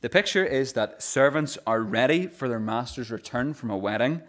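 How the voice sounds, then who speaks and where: This is a man giving a sermon as a pastor, sounding earnest and expressive in a mid-range voice. Repeated words often mark the beginnings of his phrases, while his delivery slows for scripture passages.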